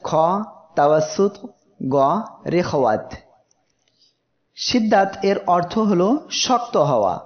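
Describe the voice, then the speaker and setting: A man teaching Quranic pronunciation in a slow, explanatory way, drawing out letter sounds as examples. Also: high voice, muffled recording. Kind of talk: tajweed lesson.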